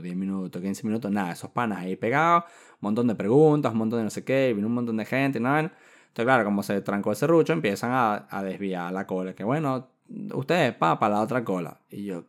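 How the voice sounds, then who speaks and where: Animated Venezuelan man telling a story. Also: fairly low pitch. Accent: Venezuelan Spanish. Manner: animated, acts out scenes with sound effects and voices. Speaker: podcast host. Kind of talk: casual storytelling.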